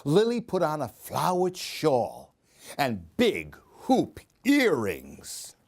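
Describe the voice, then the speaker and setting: Reading picture books at a library program, this storyteller asks young listeners questions as he goes through a children's story. His pitch is fairly high and swings hugely, and his slow, sing-song reading is very expressive.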